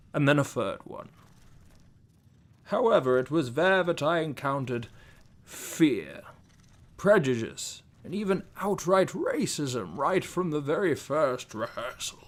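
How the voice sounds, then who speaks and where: A man's voice: a little high, heavily acted. A man voicing a pompous male giant frost spider who dreams of being a stage actor, speaking in a haughty, precise, theatrical way. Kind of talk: comedic mock interview.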